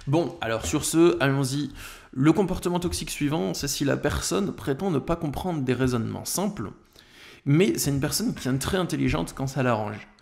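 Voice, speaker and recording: A man's voice: a little high, lively intonation, moderate pace, gravelly, a little mellow. A man with a French accent, a coach, giving direct-to-camera advice with emphatic, example-driven explanations.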